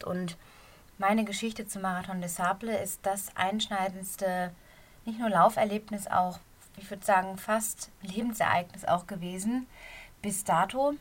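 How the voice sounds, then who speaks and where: A middle-aged running coach with a slight cold and a somewhat hoarse, medium-pitched voice gives a casual, earnest podcast talk from a quiet corner of her bedroom. She is encouraging and speaks directly to the listener.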